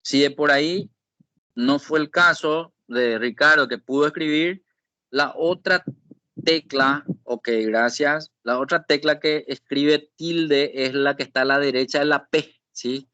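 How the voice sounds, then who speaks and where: A man's voice: a little high, measured pace, sharp tone, clear, resonant tone, no echo. A man teaching an online spreadsheet class, explaining step by step and often checking in with the students. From Paraguay. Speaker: Excel instructor. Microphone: video call.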